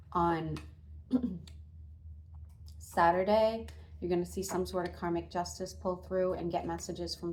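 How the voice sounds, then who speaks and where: A woman's voice: lowish voice, a little mellow, a little hiss or hum. A woman tarot reader giving a casual reading straight to her viewers, chatty and full of fillers and restarts.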